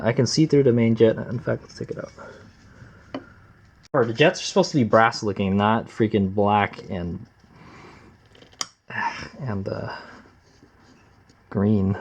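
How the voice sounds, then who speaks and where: A man talking casually and plainly like a gruff home mechanic while working at his bench, with slangy, unpolished asides. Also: on the low side, fairly even intonation, unhurried, pauses often, darkish tone, slight background noise. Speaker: amateur motorcycle mechanic, vlog host. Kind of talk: casual hands-on workshop narration. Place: workbench, close to the camera. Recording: slightly dull, lo-fi camera audio.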